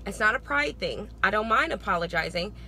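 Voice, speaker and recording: A woman with a bright, forward voice talks to her viewers in a casual advice vlog. She explains things conversationally and leans on her points with emphasis. Her pitch is average, and some background noise sits behind the voice. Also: expressive, fairly quick. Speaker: parenting vlogger.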